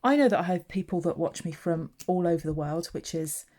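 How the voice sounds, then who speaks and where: Chatting as she demonstrates papercraft, a southeast England woman describes her hands-on steps in a friendly how-to style. She sounds animated yet unhurried, her voice low and mellow.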